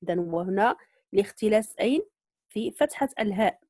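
A woman teaching Quran recitation, patiently explaining readings, slowly modeling words and checking that students follow. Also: medium pitch, lively intonation, mellow, dry recording, studio quality. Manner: patient, repeats points and checks understanding. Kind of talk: online tajweed lesson.

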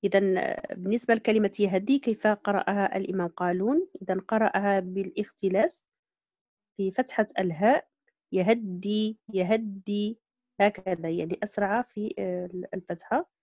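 A woman teaching Quran recitation, patiently explaining readings, slowly modeling words and checking that students follow. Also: mid-range voice, darkish tone, no echo, studio quality. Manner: patient, repeats points and checks understanding. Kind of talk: online tajweed lesson.

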